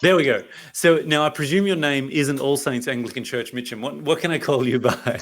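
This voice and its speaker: A man's voice: mid-range voice, a little fast, fairly bright tone. An Australian man presenting a leadership workshop over a video call, chatty and anecdotal, often laughing. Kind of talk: interactive online workshop talk.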